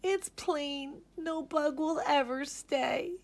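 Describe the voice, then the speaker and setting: Lonely storybook lady spider, performed by a woman: high-pitched, polite, yearning, plaintive. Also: slow. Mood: sad, tearful. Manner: pleading, plaintive.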